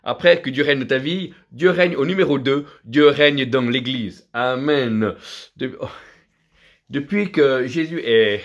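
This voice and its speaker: A middle-aged man from Vietnam delivers a fervent sermon, building on repeated phrases and punctuating them with alleluias. His voice sits at an ordinary middle pitch. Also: unhurried. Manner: fervent, repetitive preaching with frequent alleluias. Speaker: preacher.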